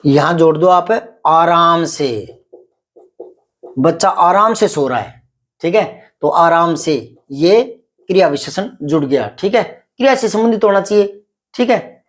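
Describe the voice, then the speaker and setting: A middle-aged man teaching Hindi grammar, explaining patiently, repeating example sentences slowly and quizzing a pupil. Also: on the high side, lively intonation. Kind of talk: classroom grammar lesson.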